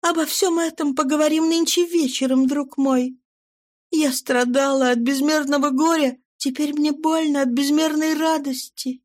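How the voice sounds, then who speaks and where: A woman's voice: high-pitched, fairly even intonation, normal speed, voice pushed up, lightly acted. A woman reader raising her voice to play a devoted, anxious wife who speaks fervently and pleadingly.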